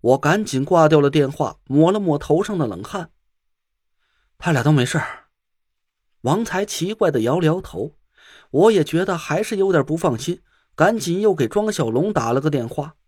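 A male audiobook narrator with a slightly raised, husky voice and a very lively, animated delivery. He tells a first-person story with tension, recorded close and dry. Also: fairly high pitch, moderate pace, no room sound.

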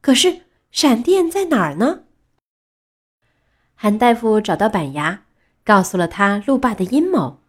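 A woman narrating a children's storybook in a lively, expressive way. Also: on the high side, unhurried, long pauses.

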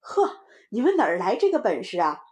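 A woman voicing a patient mother in a storybook who scolds her child gently and calmly. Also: mid-range voice, brisk. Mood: scolding.

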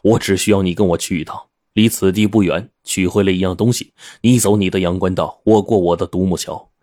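A man voicing a wounded, scheming man who speaks in a low, quiet, persuasive way. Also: fairly even intonation, brisk, no room sound, studio quality, natural voice.

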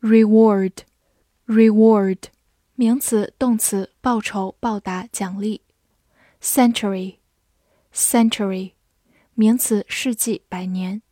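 A woman slowly reading out vocabulary words, saying each word twice in a measured way before its meaning. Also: medium pitch, steady tone, warm tone, dry recording, studio quality. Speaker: vocabulary reader. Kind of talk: slow scripted word drill.

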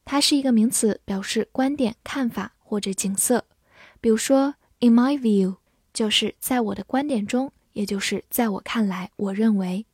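A young woman teaching English vocabulary, spelling words out letter by letter and reading example sentences slowly. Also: fairly high pitch, darkish tone, husky, dry recording, studio quality. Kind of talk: scripted vocabulary lesson.

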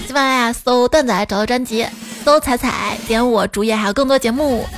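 A woman's voice: fairly high pitch, fairly quick. Playful woman telling jokes over music. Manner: playful, laughs often, acts out quoted voices. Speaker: podcast host. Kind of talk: comedic joke storytelling.

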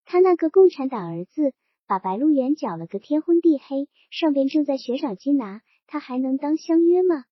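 A woman's voice: high voice, animated, moderate pace, hardly any pauses, dry recording. A woman reading the part of a scheming male township chief who needles and threatens, in a dull lo-fi recording. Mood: sly, menacing.

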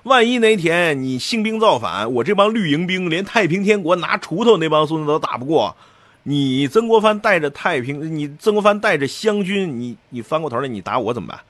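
A man's voice: fairly high pitch, lively intonation, fairly quick, fairly bright tone, no echo. A man playing an anxious, suspicious emperor who frets and coaxes. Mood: fretful. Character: anxious suspicious male emperor, middle-aged.

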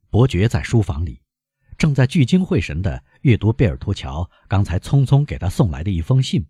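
Breathy low-voiced male narrator. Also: dark tone, no echo, studio quality. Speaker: audiobook narrator. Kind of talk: scripted novel narration.

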